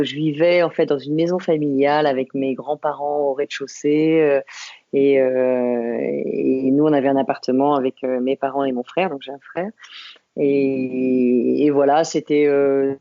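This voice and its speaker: A woman of about fifty from the Paris suburbs, a podcast guest talking about her life in a reflective, unhurried way, pausing and restarting often. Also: sits low, no room sound, highs cut off. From Paris suburbs, France. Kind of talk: podcast interview conversation.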